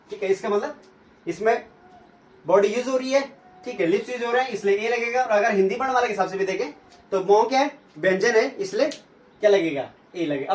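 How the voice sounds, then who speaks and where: A man teaches grammar to a class, posing questions and then answering them, and he slowly repeats each sound. His voice sits high. He is picked up from some way off, and the room echoes. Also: recorded from a distance. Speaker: English teacher.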